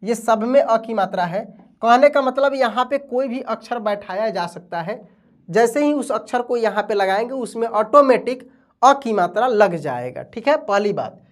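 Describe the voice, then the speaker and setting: A man's voice: extremely high pitch, lively intonation, normal speed. A man teaching vowel signs, who keeps asking and answering his own questions. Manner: asks and answers his own questions, calls listeners "my friend". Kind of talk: explaining Hindi letters at a board.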